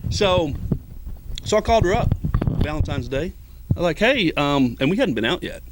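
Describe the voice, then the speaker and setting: A man's voice: on the high side, animated, normal speed, noisy background. A middle-aged man, a ski patroller, telling stories in a casual interview, rambling with many fillers. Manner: rambling, many fillers, acts out quoted voices. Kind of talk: casual storytelling.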